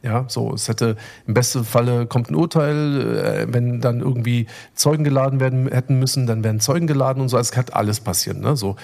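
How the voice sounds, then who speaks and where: A middle-aged man talks in a loose, rambling way, full of fillers and restarts. He tells his story with open emotion. His pitch sits in the middle of the range. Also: brisk, gravelly, few pauses, darkish tone. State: recovering from illness. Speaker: podcast co-host. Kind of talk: casual chat.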